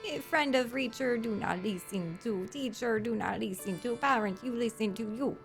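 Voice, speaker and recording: A woman playing an earnest foreign fortune teller who sells tarot readings, speaking halting broken English in an improvised role-play. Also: a little high, gravelly, soft background music. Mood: earnest, advising.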